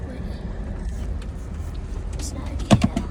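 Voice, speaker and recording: A woman storm chaser giving casual, excited live commentary in an awed, exclamatory, slangy way. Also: slow pace. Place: outdoors and in a vehicle during a storm. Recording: loud storm and vehicle noise, distant mic. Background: wind, rain and vehicle noise.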